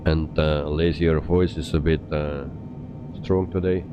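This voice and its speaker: A man's voice: fairly even intonation, measured pace. A man from Belgium giving casual commentary while live streaming a flight simulator. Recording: muffled mic with faint engine rumble. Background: aircraft rumble.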